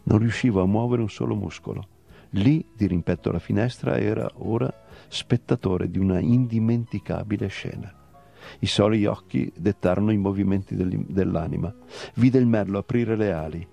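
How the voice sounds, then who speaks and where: A man reading a fable aloud in a measured storytelling manner. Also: lowish voice, vocal fry, warm tone, highs cut off, soft background music. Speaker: story reader. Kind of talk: scripted narration of a fable.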